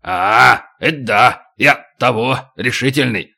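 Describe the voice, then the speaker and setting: A coarse, blunt bandit chief, put on by a man reading an audiobook, speaking in a rough street drawl. The tone is bright and forceful, pushing each word out hard. He sounds streetwise and impatient. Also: mid-range voice, slow, heavily acted. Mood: gruff.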